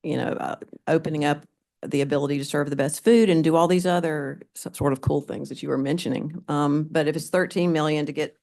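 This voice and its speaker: Elected official questioning staff, mid pitch, halting, stop-start delivery. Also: fairly even intonation, creaky, darkish tone. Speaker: elected board member. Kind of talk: questioning at a public board meeting.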